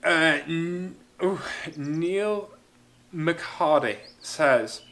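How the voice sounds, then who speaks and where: A man's voice: a little high, very slow, a bit bright. A man who grew up in Spain, chatting enthusiastically as he answers viewer questions in a casual Q&A vlog about building a car. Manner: chatty, enthusiastic, thinking aloud. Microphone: small camera-mounted mic.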